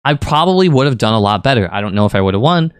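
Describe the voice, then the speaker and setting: Guy rambling about fighting game strategy, smooth clean voice, dry close mic. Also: medium pitch, racing, no echo. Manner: conversational, rambling, lively emphasis. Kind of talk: casual explanatory commentary.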